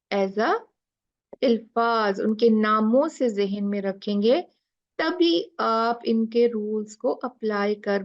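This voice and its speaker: A woman's voice: mid-range voice, dull audio. A woman teacher explaining recitation rules in a class, asking questions and drawing out letter sounds. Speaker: tajweed teacher.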